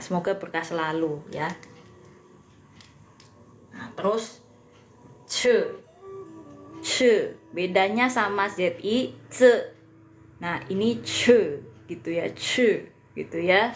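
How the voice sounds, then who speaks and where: A woman's voice: lowish voice, a bit bright. An Indonesian woman teaching Mandarin pronunciation on a live stream, patiently repeating sounds and answering viewers.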